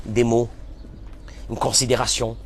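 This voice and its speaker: A man giving a sermon as a rabbi, impassioned, switching between loud bursts and soft murmurs and mixing Hebrew phrases into his French. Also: mid-range voice, level tone, a little slow, very noisy.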